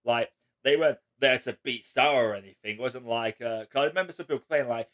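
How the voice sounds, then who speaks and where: A man's voice: medium pitch, fast, a bit bright. A man hosting a casual film chat, rambling with lots of filler words and casual swearing. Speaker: host.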